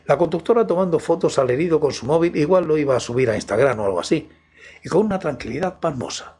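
A man's voice: on the high side, expressive, fast, a little mellow, slightly rough. A man with a Spain Spanish accent narrating in the first person as a storytelling host.

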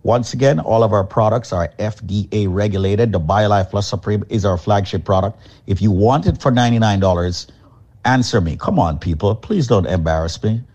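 A man from Jamaica speaking on the radio, giving a pushy sales pitch as chairman of a company. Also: moderate pace, darkish tone, muffled recording.

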